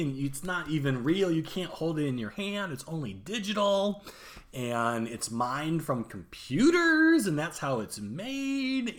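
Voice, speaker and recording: Lively bright-voiced guy in his 30s, chatty vlog storytelling, pokes fun at himself. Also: a little high. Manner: animated, chatty, self-mocking. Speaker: vlogger. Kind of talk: casual storytelling to camera.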